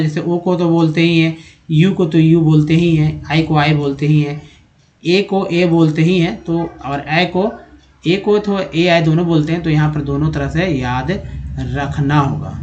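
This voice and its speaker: A man's voice: on the high side, muffled recording. A man teaching a video lesson in Hindi, patiently explaining English vowel sounds and spelling words out letter by letter.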